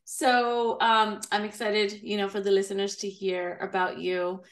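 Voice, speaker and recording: A woman's voice: medium pitch, little pitch movement, measured pace, echoey room. Friendly chatty woman podcast host. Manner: mixes Spanish and English, friendly and chatty. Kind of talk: bilingual casual podcast interview.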